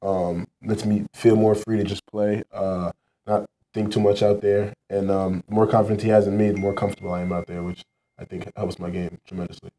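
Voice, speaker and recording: A young college basketball player answering postgame questions at a press table in a low-key way with many ums. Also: male voice, little pitch movement, a little fast, warm tone, slight background noise, rough recording. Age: young adult. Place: press room in front of a team backdrop.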